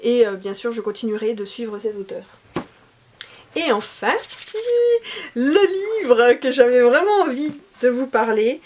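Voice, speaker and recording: A woman's voice: a little high, sing-song, unhurried, darkish tone, slight background noise. A woman talking casually and enthusiastically about books she has read, chatty with many hesitations. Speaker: book reviewer.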